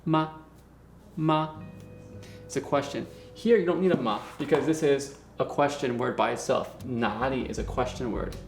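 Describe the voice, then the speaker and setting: In a mid-range voice, a man runs a beginner Mandarin class at a whiteboard while soft music plays in the background. He is upbeat and supportive, regularly checking in with "okay?" and repeating words slowly for the students.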